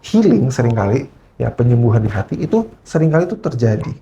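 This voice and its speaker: A male preacher at a church service speaks with an animated, storytelling delivery. He slips English phrases into his sermon and keeps asking the congregation whether they follow. His voice sits at an ordinary middle pitch, with a faint hiss behind it. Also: fast, muffled recording.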